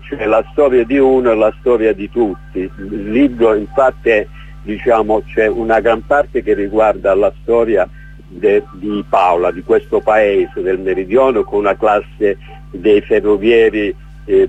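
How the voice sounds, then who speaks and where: This author from Calabria in southern Italy is a middle-aged man guesting on a radio show, his voice fairly low, darkish and slightly rough. His speech is full of fillers and false starts, and the lo-fi broadcast audio is muffled.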